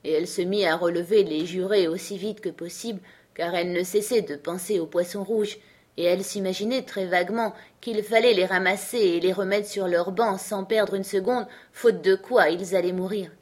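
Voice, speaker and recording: A woman narrating a classic storybook as an audiobook, calm and measured. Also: medium pitch.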